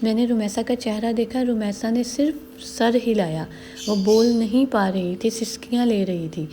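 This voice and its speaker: A woman narrating a first-person story in a measured, earnest way. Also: on the high side, dark tone, a little hiss or hum.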